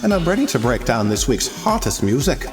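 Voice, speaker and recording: A cheery robot chart presenter with a put-on Irish lilt, played by a man. His voice rises and falls in a lively, sing-song way at a middling pitch, with music clearly playing underneath. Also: brisk, natural voice. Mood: upbeat. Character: chatty robot chart host, male, fake Irish lilt.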